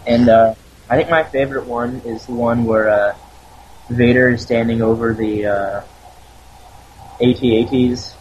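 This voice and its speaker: A man with a sore throat co-hosting a casual fan podcast, laid-back and speaking quietly. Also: mid-range voice, steady tone, measured pace, long pauses, dull audio, slight background noise. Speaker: podcast co-host.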